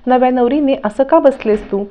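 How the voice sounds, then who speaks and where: A woman voicing a sharp young woman who questions her older sister insistently, in a TV serial recap. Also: high voice, normal speed, phone-quality sound, pitched above the performer's own voice, natural voice.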